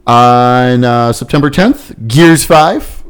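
An easygoing man on a casual gaming podcast, quick to agree and reading out a run of release dates. His voice keeps an ordinary middle pitch. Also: clear, resonant tone. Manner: easygoing, agreeable, short replies. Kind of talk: casual chat.

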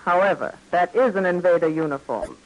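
A man's voice: high-pitched, sing-song, fairly quick, lo-fi sound. A man playing a cool, formal, cautioning commando ally in a 1940s radio drama, with precise diction, on a noisy vintage recording.

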